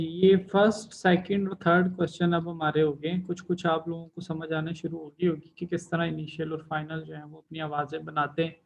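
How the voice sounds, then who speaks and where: A man's voice: fairly high pitch, darkish tone, poor audio. A man teaching a language lesson, explaining each step patiently with frequent fillers.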